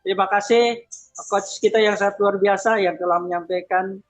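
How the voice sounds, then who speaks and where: A man's voice: high-pitched, fairly even intonation, moderate pace, soft background music, rough recording. A man hosting an event, wrapping up after a speaker in a loose, hesitant way with fillers. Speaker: event host. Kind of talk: closing remarks at an online event.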